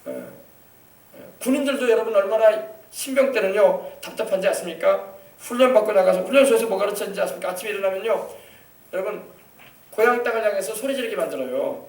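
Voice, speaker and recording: A man's voice: sits high, quick pace. A male pastor preaching an emphatic sermon, drawing call-and-response from the congregation. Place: church sanctuary. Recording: echoey hall, mic far off.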